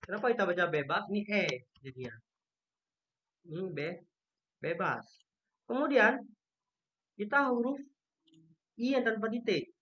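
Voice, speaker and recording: In this lo-fi clip, an Indonesian Turkish-language teacher patiently demonstrates pronunciation online, saying each letter sound slowly and repeatedly over a shared screen. The voice is medium in pitch and animated.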